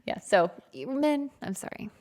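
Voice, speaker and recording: A woman co-hosts a podcast, her voice on the high side and darkish, moving at a moderate pace with big pitch swings. The talk is a casual chat, and she comes across as chatty and self-deprecating, laughing often.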